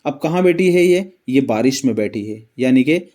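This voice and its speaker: A man's voice: mid-range voice, expressive, normal speed, mellow. A man teaching a geography lesson through memory-trick stories. He keeps asking his viewers questions and then answers them himself. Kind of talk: animated mnemonic geography lesson.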